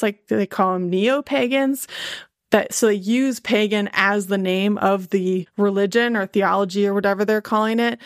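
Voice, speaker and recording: A woman's voice: mid-range voice, no echo. Woman, Midwestern accent, podcast host, casual chat, filler-heavy, dry recording. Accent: Midwestern American. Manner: chatty, frequent "like" fillers, laughs often.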